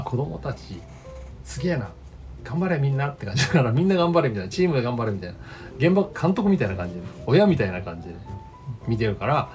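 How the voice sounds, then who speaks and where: Man in his fifties, casual rambling host, animated pitch, faint music behind. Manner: rambling, laughs often, self-deprecating asides. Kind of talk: casual solo chat.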